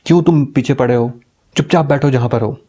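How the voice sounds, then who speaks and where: A frantic father begs his son to stay put, his voice urgent and pleading. A man acts him out as the storyteller. The tone stays warm and mellow despite the alarm. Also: medium pitch, fairly quick, natural voice. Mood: stern.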